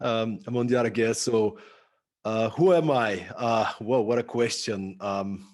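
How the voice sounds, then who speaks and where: A Bulgarian man, an entrepreneur and productivity speaker, answers conversationally as a podcast guest. His voice is lowish and darkish, unhurried, with enthusiastic, emphatic phrasing.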